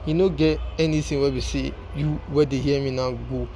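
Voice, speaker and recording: A Nigerian man speaking in Nigerian Pidgin, giving informal political commentary to viewers as a channel host, with repetitive, halting phrasing. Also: mid-range voice, fairly even intonation, dark tone, slight background noise.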